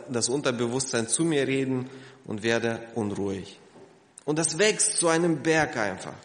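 A man preaching a sermon to his congregation, lively and emphatic, asking rhetorical questions. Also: mid-range voice, roomy sound, long reverb tail. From Germany. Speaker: pastor.

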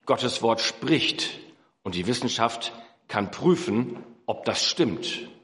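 A man delivers a sermon with a very lively, swinging pitch, climbing to emphatic high points and sinking to slow, low, earnest stretches. He is recorded in a hall with a long, lingering reverb. His pitch sits in a middle range for a man. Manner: animated preaching, rising to emphatic peaks then dropping low and slow. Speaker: preacher. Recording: echoey hall.

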